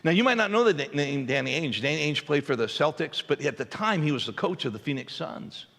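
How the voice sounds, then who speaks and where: A man preaching a sermon, telling a self-deprecating story in a lively, humorous way. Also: a little high, a little fast, gravelly. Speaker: pastor. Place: large church auditorium. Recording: long hall reverb in a church.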